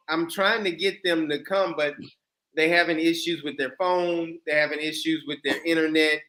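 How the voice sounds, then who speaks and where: A man in his thirties hosts his channel's livestream, chatting casually and joking with guests. His voice is a little high, bright and forceful, though the audio quality is poor.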